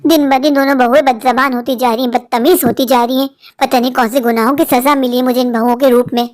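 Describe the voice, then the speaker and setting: In lightly acted cartoon voice work for an animated family story, a woman plays a sharp-tongued older mother-in-law. Her high-pitched, fast voice keeps scolding and complaining as she shouts for her daughters-in-law and grumbles about them.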